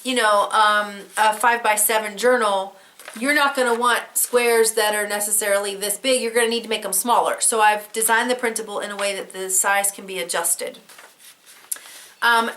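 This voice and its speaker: A woman with a head cold and a fading voice hosts a casual show-and-tell craft vlog, her voice medium-pitched with a fairly bright tone. She chats and rambles a little as she shows her work, with fillers, restarts, candor and casual swearing.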